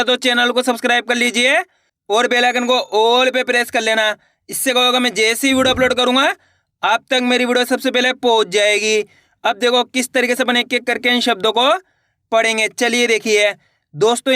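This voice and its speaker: Male teacher, high and bright, drills syllables slowly and asks the viewer questions, dry close mic. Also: dry recording. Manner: slow, drawn-out syllable drilling, repeating questions. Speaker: Hindi reading teacher. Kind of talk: online reading lesson.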